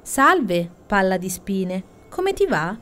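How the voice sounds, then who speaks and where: A woman voicing an arrogant, boastful female hare who taunts in a high, loud voice for a bedtime storybook. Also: sing-song, slow pace. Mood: mocking.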